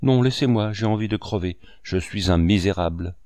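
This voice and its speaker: A man's voice: fairly low pitch, normal speed, warm tone, no room sound, natural voice. A man reading the part of a poor, proud village schoolmaster, heated and bitter. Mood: despairing.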